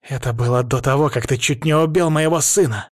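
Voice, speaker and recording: A man voicing an enraged older male crime-family head who barks his lines and turns shrill when he yells. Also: fairly quick, no room sound, clean studio sound, natural voice. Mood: furious. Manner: barking, shrill when yelling.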